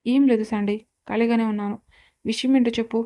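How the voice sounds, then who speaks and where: Woman doing a shy young bride in a storybook, soft and hesitant, mellow slightly high voice, fairly flat. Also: fast, close to an everyday voice. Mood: pleading. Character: timid young woman student, new wife.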